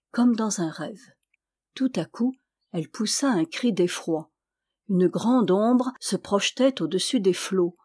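A woman storyteller reading a fairy tale aloud in a measured, expressive way. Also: medium pitch.

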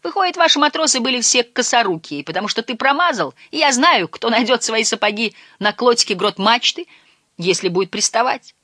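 Cheeky teenage boy on a fishing boat, teasing, high voice, as a reader puts him on, storybook. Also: lively intonation, fairly quick, bright, forceful tone, no echo, clean studio sound. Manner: teasing, cocky. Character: cheeky teenage fisherman's son.

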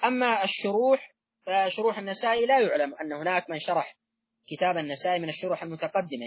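A man giving an academic religious lecture, pausing often with drawn-out fillers and restarting his phrases. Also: high voice, slightly rough, dry recording, dull audio. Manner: halting delivery with frequent drawn-out fillers and restarts. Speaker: lecturer on hadith studies.

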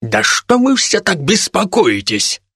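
A woman voicing a stern, dismissive male investigator in an audiobook, speaking in a measured, clipped official tone. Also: fairly low pitch, big pitch swings, vocal fry, fairly bright tone, breathy edge, no room sound, full character voice. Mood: curt dismissive.

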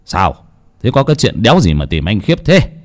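A man voicing a coarse, paunchy older village brother who talks gruffly and crudely. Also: on the low side, very animated, moderate pace, pitched below the performer's own voice. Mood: gruff mocking.

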